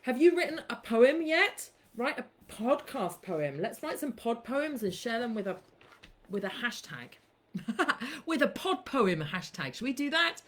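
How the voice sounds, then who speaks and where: Woman podcast host chatting on a live stream, slow and easy, playful, swears a bit. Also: fairly high pitch, big pitch swings, fairly bright tone. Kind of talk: casual live-stream chat.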